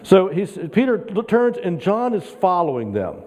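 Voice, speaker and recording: A man's voice: high voice, normal speed. A man preaching a sermon as a guest speaker, in a casual, conversational way with frequent chuckles. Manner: conversational, chuckling, animated when quoting Peter. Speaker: guest pastor. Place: church sanctuary. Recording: long reverb in a church hall.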